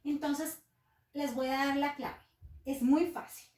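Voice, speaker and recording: Woman teacher, high voice, unhurried patient delivery for children, roomy echo, voice set back from the mic. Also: fairly even intonation, a little mellow, recorded from a distance. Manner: slow, patient explaining, addresses pupils as children. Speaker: English teacher. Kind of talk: recorded classroom lesson.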